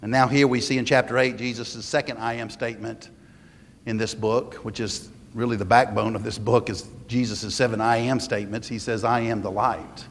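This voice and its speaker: A man preaching a sermon in a church, emphatic, pausing and restarting his sentences. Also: mid-range voice, fairly even intonation, vocal fry, big-room sound, slight background noise. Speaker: pastor.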